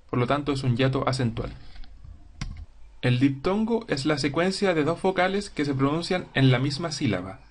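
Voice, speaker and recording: A man teaching a grammar lesson, explaining slowly and clearly and sounding out words syllable by syllable. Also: a little high.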